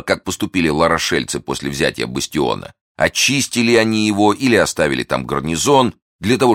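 A man reading a classic adventure novel aloud as an audiobook narrator, in a measured storytelling way. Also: a bass voice, fairly bright tone, no echo, studio quality.

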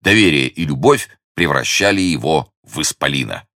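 A man narrating a classic novel as an audiobook in a measured, even storytelling manner. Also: a bass voice, no echo, clean studio sound. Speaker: audiobook reader.

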